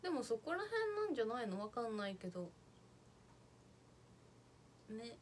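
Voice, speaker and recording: A woman's voice: on the high side, big pitch swings, normal speed, slight background noise. Chatty young woman livestreaming. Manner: chatty, reads viewer comments aloud. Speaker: idol livestreamer. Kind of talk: casual livestream chat.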